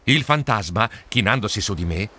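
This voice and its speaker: A man narrating a children's storybook in a theatrical way, with sound effects and drawn-out words. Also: fairly low pitch, lively intonation, bright, forceful tone, slight background noise. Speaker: storybook reader.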